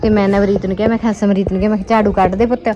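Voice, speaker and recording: A woman's voice: mid-range voice, level tone, racing, muffled recording. A woman chatting casually in a home vlog, giving a running commentary on her household chores. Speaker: family vlogger and mother. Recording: noisy home recording with clicks.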